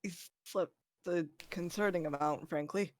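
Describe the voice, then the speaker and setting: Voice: mid-range voice, a little slow, no echo. Tentative, polite roleplayer in a dry room. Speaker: tabletop game player. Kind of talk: in-character roleplay.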